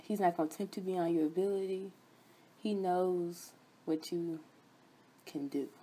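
A woman's voice: fairly low pitch, steady tone, unhurried, dark tone, slightly rough. A young woman hosting a sermon broadcast, preaching fervently with repeated chanted refrains. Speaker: host and preacher.

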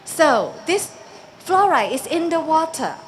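A woman's voice: sits high, very animated, takes it slowly, slight background noise. A woman in her forties with a Singaporean English accent gives an impassioned public speech from an outdoor stage into a stand microphone, building to emphatic rhetorical questions. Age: 40s. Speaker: protest speaker.

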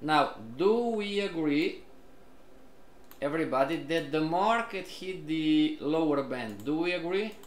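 Speaking a little slowly in a voice on the high side, this man leads a live online trading class from an echoey room. He repeatedly questions his students and prompts them collectively, returning to the group again and again.

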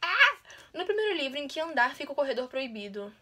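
A woman's voice: high-pitched, big pitch swings, fast talker. A woman, chatting casually and teasing herself while taking a quiz on her channel. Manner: chatty, self-mocking, competitive. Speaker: YouTuber.

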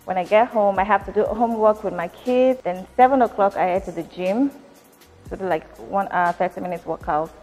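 In a large factory hall, a Nigerian woman in her thirties who founded a company responds to interview questions thoughtfully and at a measured pace, often using fillers. Her mid-range voice has a darkish tone, and soft music plays in the background.

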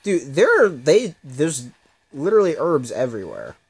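A woman's voice: sits low, big pitch swings, moderate pace, a little mellow, husky, no room sound. A woman casually commenting on her own gameplay, chatty and self-mocking. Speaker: gameplay streamer. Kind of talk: casual let's-play commentary.

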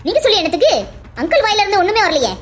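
A woman's voice: extremely high pitch, big pitch swings, rapid-fire, soft background music. A woman voicing a scheming, spiteful young woman who talks coldly and defiantly in a cartoon drama. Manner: cold, defiant, sneering. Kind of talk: Tamil cartoon voice acting.

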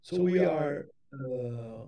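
A man giving a conference keynote lecture, talking in a halting way with frequent restarts and repeated words. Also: medium pitch, animated, gravelly, muffled recording. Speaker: keynote speaker.

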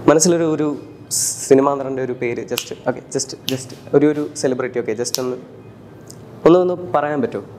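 A man works a crowd outdoors as a street mentalist, guiding volunteers in a calm, coaxing tone. His voice sits at an ordinary middle pitch. Clear street noise runs behind him. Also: moderate pace. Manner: calm, coaxing, repeats soothing instructions. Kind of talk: street performance patter with spectators. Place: outdoors in public.

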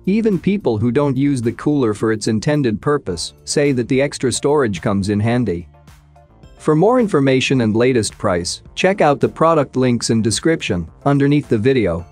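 A man with a mid-range voice reads a scripted countdown of product picks in an even, measured voice-over. Faint music plays softly underneath his narration. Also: medium pitch.

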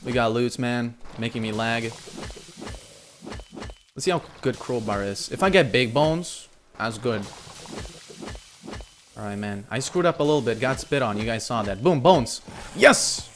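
A young man comments on his gameplay live, chatting to his viewers through a headset mic. He talks in a casual, excitable way and often bursts out loudly, with a faint hiss of noise behind him. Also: mid-range voice, unhurried, long pauses. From Lithuania. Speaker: gaming streamer.

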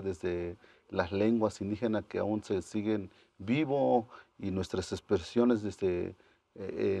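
Wearing a lapel mic on an indoor TV studio set, this guest artist speaks softly in a low, gravelly voice with no echo. He is a young man from Oaxaca, Mexico, a native Mazatec speaker, and his manner is calm and searching, full of fillers.

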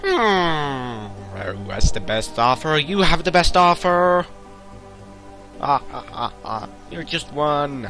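A young man talks slowly through his gameplay, mumbling to himself and cursing under his breath. His pitch swings widely, jumping into sharp, squeaky outbursts. Faint music plays behind him. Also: expressive. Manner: swearing, muttering to himself, sudden loud outbursts. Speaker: gamer narrating his play. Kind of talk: casual let's-play commentary.

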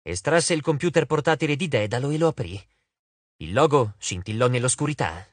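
Man reading an audiobook, lively up-and-down voice, dry close sound. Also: mid-range voice, a little fast, dry recording. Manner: expressive, theatrical reading. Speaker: audiobook narrator. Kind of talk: scripted narration.

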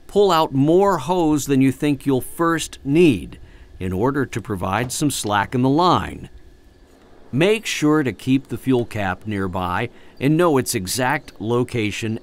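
A man reading a scripted flight-training voice-over in a clear, instructive, measured way. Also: medium pitch.

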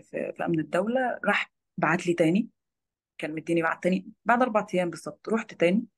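Rapid-talking Egyptian woman. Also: fairly low pitch. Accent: Egyptian Arabic. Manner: rapid, tumbling storytelling. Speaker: guest, former lawyer turned photojournalist. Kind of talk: recounting personal experiences in an interview.

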